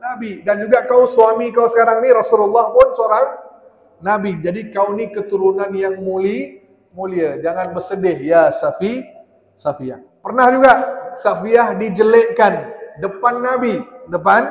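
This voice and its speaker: A man's voice: high voice, measured pace. A man giving a mosque study lecture, asking the audience questions and answering them himself, acting out quoted lines as he tells the story. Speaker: religious teacher. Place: mosque hall. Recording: echoey mosque hall with long reverb.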